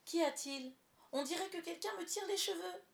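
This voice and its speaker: A woman's voice: medium pitch, normal speed, natural voice. A woman voicing an eager, dreamy young girl who exclaims and pleads, in a roomy recording. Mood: surprised. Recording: roomy echo.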